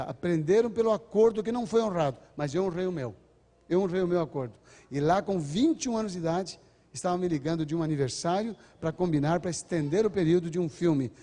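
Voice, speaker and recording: A man's voice: fairly high pitch, mellow. An older man giving a lecture on parenting to a large audience, earnest and acting out exchanges between parents and children. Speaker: speaker on parenting. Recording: long hall reverb.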